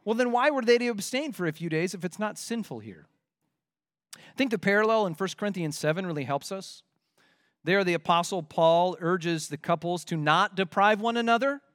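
High-voiced man preaching, emphatic. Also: no room sound, clean studio sound. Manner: emphatic, slows down for quoted scripture, drops to a hush for weighty points. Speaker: pastor. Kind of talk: sermon.

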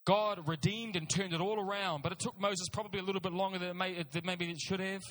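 Fast and steady in tone, his high, fairly bright voice carries this sermon by a middle-aged New Zealander from Auckland. Recorded in a reverberant hall, he mixes personal stories, emphatic repeated phrases and informal asides.

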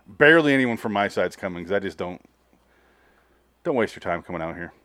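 A man's voice: deep voice, lively intonation, fairly quick, a bit bright, no room sound. A young man hosting a podcast, chatting loosely with frequent restarts and swearing. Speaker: podcast host. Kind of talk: casual chat.

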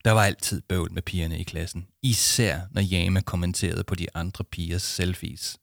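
En mandlig fortæller læser en børnehistorie op i et roligt, jævnt tempo. Stemmen er dyb og knirkende, og optagelsen er helt tør og tæt på. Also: male voice, low voice, fairly even intonation, vocal fry, dry recording, studio quality. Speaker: narrator. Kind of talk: storybook narration.

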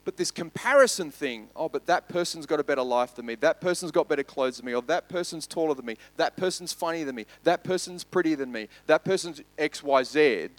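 Pastor guy preaching, gets loud then goes real quiet and slow on the big points. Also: a little high, no echo. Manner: emphatic, rising loud on lists, dropping soft and slow on key points. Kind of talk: sermon.

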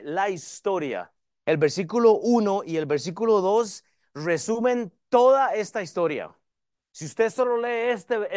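A pastor with a high-pitched voice preaching a sermon. He speaks in a lively, varied way, and the dry, close sound carries no room echo.

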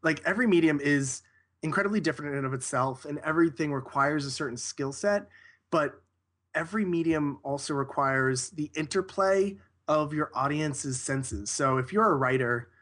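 A man's voice: a little high, moderate pace, fairly bright tone. A man talking casually as an interview guest, rambling and correcting himself as he goes. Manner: rambling, self-correcting, with frequent restarts.

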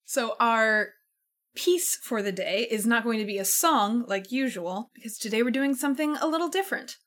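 A woman's voice: a little high, expressive, normal speed, fairly bright tone. A woman hosting a radio show from a living room studio, chatty and patient as she explains words, often laughing. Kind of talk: casual chat.

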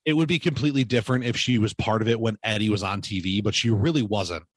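A man with a somewhat low voice talks in loose, rambling podcast chat. He jokes crudely and circles back on himself. The sound is dry and close to the mic. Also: fast, dry recording.

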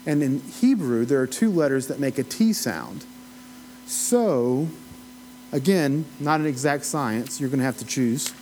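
A man's voice: mid-range voice, animated, unhurried, darkish tone, slight background noise, low-quality recording. A man with an Appalachian accent teaching a Bible study in a conversational, folksy way, with rambling asides and questions to his listeners. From Appalachia, United States. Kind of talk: informal teaching, conversational lecture.

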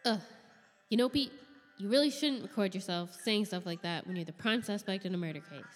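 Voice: mid-range voice, brisk, in a large hall, faint music behind, pitched above the performer's own voice, lightly acted. A man voicing a blunt, scolding chief detective in a raised voice. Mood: scornful. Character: tough, scornful chief detective.

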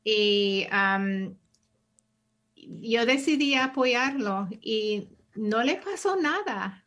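Slow-spoken woman guest, gentle. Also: mid-range voice. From United States. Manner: gentle, searching for words. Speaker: author and activist guest. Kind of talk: interview answers. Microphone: video call.

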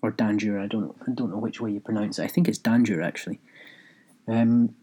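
A man's voice: lowish voice, a little mellow, breathy edge. A man hosting his own podcast, thinking aloud in a rambling way with restarts. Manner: reads aloud from his own written review. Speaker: podcast host. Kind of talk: solo podcast monologue.

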